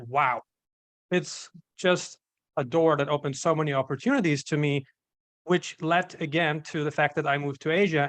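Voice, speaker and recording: A man's voice: on the high side, dry recording. A young man from Austria, a guest entrepreneur telling his story in casual interview chat, upbeat and peppered with "you know".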